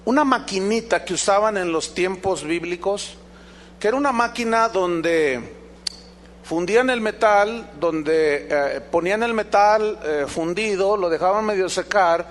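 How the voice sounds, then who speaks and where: Speaking unhurriedly in a high-pitched voice, a Mexican man preaches as pastor in a Mexican Spanish accent. He is emphatic and keeps testing his congregation with rhetorical questions.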